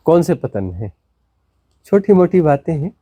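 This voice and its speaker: A man's voice: big pitch swings, measured pace, slightly rough, dry recording, muffled recording. A man, a spiritual teacher, gives a satsang discourse, repeating words and asking rhetorical questions. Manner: repetitive, rhetorical questions, dramatic swings of pitch.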